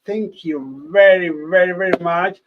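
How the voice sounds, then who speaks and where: A man from Argentina with an Argentine Spanish accent chats casually as a podcast host, excitable and repeating words for emphasis. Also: high voice, unhurried, narrow, tinny audio, a little hiss or hum. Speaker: rabbi hosting a podcast.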